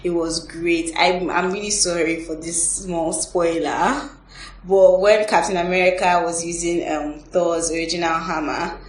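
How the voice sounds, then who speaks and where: Her voice runs low, with fairly even intonation and a slightly slow delivery, as this podcast host talks film with her guests and shares what she thinks. Captured on a distant mic, the audio is roomy and carries background noise.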